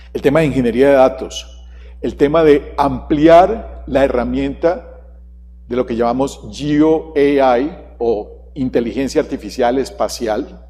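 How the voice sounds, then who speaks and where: In a big conference hall thick with long reverb, a male presenter gives his keynote talk, questioning the audience directly. His voice is warm and mid-range.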